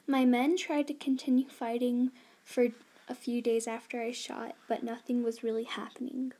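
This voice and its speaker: A woman's voice: fairly high pitch, little pitch movement, moderate pace, dark tone, poor audio. A woman voicing a young male immigrant miner, in an earnest first-person school history narration read plainly aloud.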